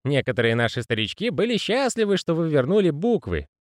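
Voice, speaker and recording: A male reader voicing a fussy, pious old postman who speaks in a raspy, wheezy whisper and keeps saying sir. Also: a little high, big pitch swings, brisk, no echo, clean studio sound, voice pushed up. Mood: fussy, earnest. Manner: deferential, says sir constantly. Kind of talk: audiobook character voicing.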